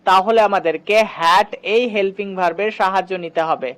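Online grammar teacher, patient and methodical, slows for examples, keeps telling students to look. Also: mid-range voice, fairly bright tone. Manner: patient, slows right down to say each English example. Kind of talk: explaining step by step to students.

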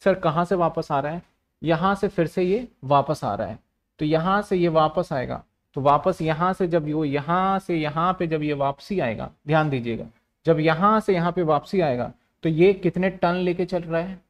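This male commerce teacher, pitched on the high side and moving at a moderate pace, delivers an online class. He keeps posing questions and answering them himself, repeating phrases again and again.

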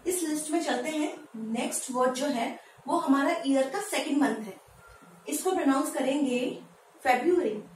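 A woman teaching English pronunciation in Hindi, who asks her viewers questions and spells words out slowly, syllable by syllable. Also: high voice. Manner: lively, asks viewers questions and answers them. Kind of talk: Hindi-language pronunciation lesson. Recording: echoey room, voice from a distance, faint background noise.

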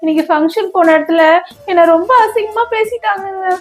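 High-voiced scolding woman. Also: brisk. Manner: scolding, sharp-tongued. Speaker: mother in family comedy skit. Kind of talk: scripted family comedy skit.

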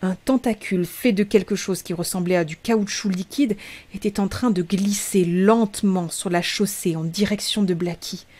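A woman streamer reading a short story aloud in a measured, steady narration. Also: medium pitch. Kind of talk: audiobook reading.

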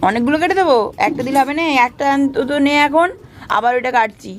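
A woman's voice: high voice, fast, slight background noise. A young woman, a mother, chatting to her viewers in a casual vlog on a rooftop in light rain while coaxing her small daughter. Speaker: family vlogger and mother.

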